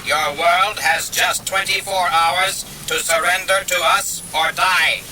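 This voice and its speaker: A man voicing a menacing male alien invader with a metallic, commanding voice in an audiobook, speaking slowly. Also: high-pitched, fairly even intonation, far from the mic, noisy background, pitched above the performer's own voice. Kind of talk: audiobook character voice.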